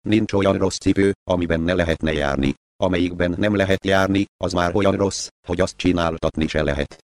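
A man's voice: low-pitched, steady tone, a little hiss or hum. A man reading the lines of a grumpy old shoemaker who grumbles curtly. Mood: gruff. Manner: grumbling, curt. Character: grumpy old male shoemaker, gruff but not cruel.

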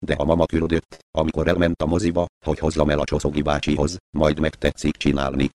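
A man's voice: deep voice, fairly even intonation, slight background noise, natural voice. A man reading the lines of a poor young boy who speaks hesitantly and pleads. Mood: pleading. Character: poor timid young boy, anxious but stubborn.

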